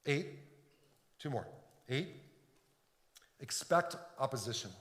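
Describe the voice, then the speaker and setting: Taking his time, a middle-aged pastor from Detroit preaches in a church sanctuary, his mid-range voice a bit bright and lively in intonation. He's earnest, repeating words as he builds toward a point, while the hall rings with long reverb.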